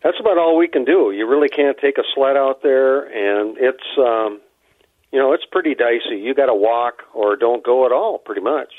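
A man's voice: medium pitch, normal speed, no echo. Guy calling into sports radio, bit winded, ums and uhs, tinny phone sound. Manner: rambling, many fillers. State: a little winded. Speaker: outdoors guest. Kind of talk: casual radio chat. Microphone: phone line. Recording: tinny phone line, dry.

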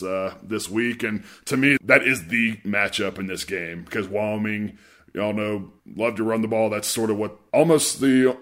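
Congested, low-voiced man hosting a sports podcast. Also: fairly bright tone. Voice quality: congested, stuffy nose from a cold. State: congested with a cold. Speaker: podcast host and sports writer. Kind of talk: casual sports podcast talk.

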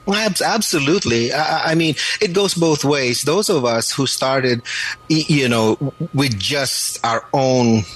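Halting Filipino-born pastor on radio. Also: male voice, mid-range voice, a bit bright, poor audio. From Philippines. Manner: halting, many restarts and fillers. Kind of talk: radio interview answers.

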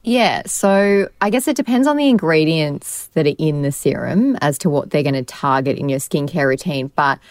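Low-voiced woman in relaxed podcast conversation. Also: normal speed, hardly any pauses, no room sound, studio quality. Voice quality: self-described monotone voice. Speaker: guest skincare expert, dermal therapist. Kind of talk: casual podcast chat.

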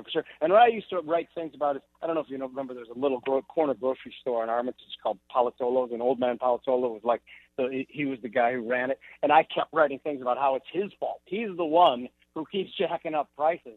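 Brief: man guest analyst, fast exasperated talk, tinny phone-like remote line. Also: mid-range voice, no room sound. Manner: exasperated, animated. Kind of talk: remote TV interview.

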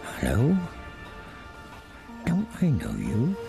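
An actor playing a very old, lonely widowed cobbler who chuckles often, in a radio drama with music underneath. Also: male voice, mid-range voice, wildly swooping pitch, drawn-out words, vocal fry, exaggerated voice. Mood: wondering. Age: older.

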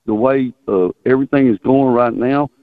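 A man calling a radio show over a phone line, rambling casually in a folksy, halting way. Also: mid-range voice, fairly even intonation, no room sound. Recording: tinny narrowband phone line.

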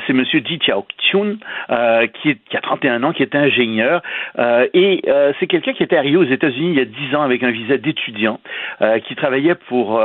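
A man's voice: mid-range voice, dry recording. Hesitant man on a tinny phone line. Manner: hesitant, many filler sounds. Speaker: radio columnist. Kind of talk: radio commentary. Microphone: telephone line.

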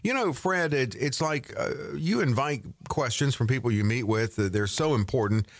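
A man's voice: mid-range voice, lively intonation, moderate pace, dry recording. Chatty male co-host, dry sound. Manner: chatty, jokey, fillers. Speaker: co-host interviewer. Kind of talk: radio talk, introducing and asking questions.

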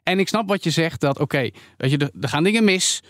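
A man's voice: a little high, expressive, fairly bright tone, no echo, clean studio sound. A man hosting a podcast debate who sums up points and steers the talk. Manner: brisk, steers the discussion.

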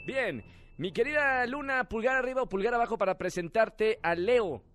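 A man hosting a playful radio dating segment, teasing and excitable. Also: very high voice, normal speed, no room sound. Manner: teasing, excitable, laughs often. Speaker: radio host. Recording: radio show with music bed.

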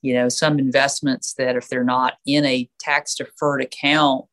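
A woman's voice: rumbling low, level tone, a little slow, fairly bright tone. A woman with a stuffy, nasal voice from allergies, explaining finances as a podcast guest with frequent fillers. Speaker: certified financial planner guest.

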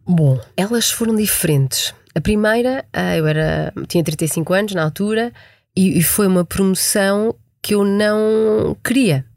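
A woman's voice: medium pitch, moderate pace, darkish tone, no echo, studio quality. Reflective Portuguese woman in her forties. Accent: European Portuguese. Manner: reflective, frequent restarts and hesitations. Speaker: podcast guest, executive. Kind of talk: conversational interview answers.

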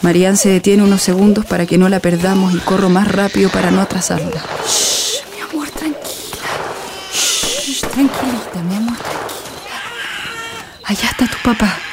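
A woman's voice: medium pitch, steady tone, quick pace, few pauses, shouting, very noisy, close to an everyday voice. An actress voicing a desperate young mother fleeing with her baby, narrating in first person for an audio drama in a breathless, grieving manner.

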